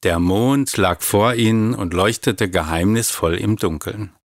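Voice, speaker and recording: A man calmly reading a children's story aloud. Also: on the low side, unhurried, no echo, clean studio sound. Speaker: narrator.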